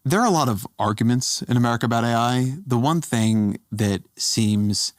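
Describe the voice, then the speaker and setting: A man's voice: medium pitch, normal speed, dry recording, studio quality. A man hosting an interview, asking probing questions in a conversational way. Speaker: host, interviewer.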